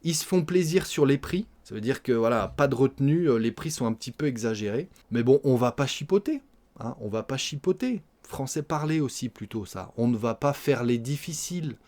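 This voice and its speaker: A man past his twenties teaching spoken French, explaining carefully and repeating example phrases slowly, often adding "hein". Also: medium pitch, lively intonation, a little mellow. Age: older than twenties.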